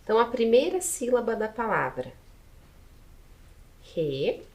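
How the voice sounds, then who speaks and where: A Brazilian woman teacher with a Brazilian Portuguese accent patiently spells out letters and syllables one at a time in a video lesson. Her medium-pitched voice is slow and sing-song.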